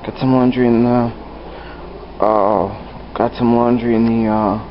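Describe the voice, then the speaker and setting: A man's voice: medium pitch, little pitch movement, measured pace. Man vlogging on old camcorder audio. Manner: rambling, easygoing, frequent restarts and fillers. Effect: old camcorder audio, dull and hissy. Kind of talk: casual home video vlog. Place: his house, indoors and out front. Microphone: built-in camcorder mic, handheld. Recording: hissy lo-fi old camcorder sound.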